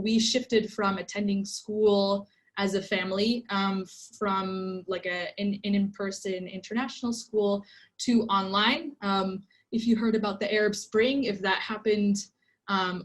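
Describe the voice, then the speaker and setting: With a mid-range, fairly bright voice, a woman in her twenties raised in Egypt presents an online workshop. She's chatty and relaxed, using lots of ums and likes, heard through a computer microphone.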